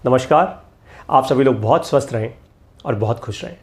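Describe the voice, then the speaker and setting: Speaking at a normal speed in a medium-pitched, slightly mellow voice, a middle-aged man runs a motivational course. He hammers home his points by repeating them and slips in bits of English.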